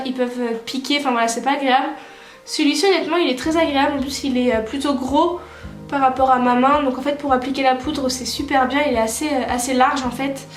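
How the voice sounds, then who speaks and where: Young woman, high voice, casual makeup chat, filler-heavy, roomy echo. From France. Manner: chatty, many filler "euh" and self-corrections. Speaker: beauty vlogger. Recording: roomy echo with soft music behind.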